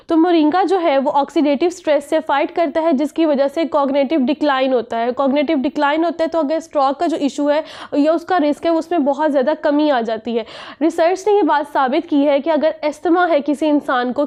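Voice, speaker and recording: A woman's voice: high-pitched, darkish tone. A woman giving an informative health talk, listing items one by one and mixing in many English terms. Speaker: health show guest speaker.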